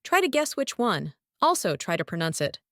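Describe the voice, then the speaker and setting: A woman's voice: medium pitch, very animated, moderate pace, fairly bright tone, no echo, clean studio sound. A woman with a Lithuanian accent teaching English pronunciation, saying each example word several times. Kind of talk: pronunciation lesson, repeating example words.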